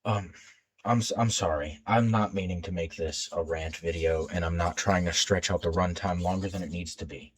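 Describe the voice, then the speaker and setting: A late-teens young man with a low, deep voice, talking straight to his channel in a loose, unscripted vlog. He rambles, backtracks and stutters on his words as he restarts his sentences. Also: fairly even intonation, moderate pace. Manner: stutters when nervous, rambling with many restarts. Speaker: YouTube creator. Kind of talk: unscripted casual vlog talk.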